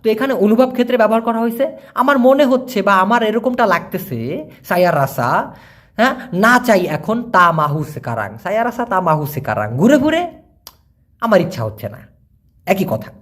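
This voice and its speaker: A man teaching language, answering viewer questions and slowly repeating words for learners. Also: high voice, big pitch swings, fairly bright tone.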